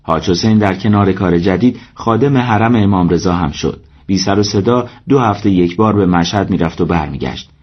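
Deep husky male audiobook narrator. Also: highs cut off. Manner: steady, measured storytelling. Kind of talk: scripted narration.

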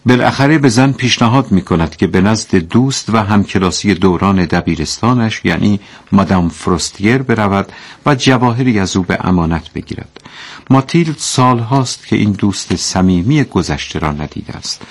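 A man giving measured scripted narration and explaining a story. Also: lowish voice, expressive.

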